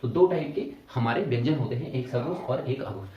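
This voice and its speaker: A man's voice: mid-range voice, a little fast, lo-fi sound. Man teaching a lesson in an echoey room. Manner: explains step by step, repeating "ठीक है" and asking questions back. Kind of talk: exam-prep grammar lesson. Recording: echoey room, mic at a distance.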